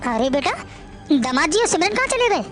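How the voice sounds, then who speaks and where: Woman voicing a gentle, fretting old mother in a family drama, high-pitched voice. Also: big pitch swings, fairly quick, soft background music, heavily acted. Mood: worried. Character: elderly mother, gentle and worried.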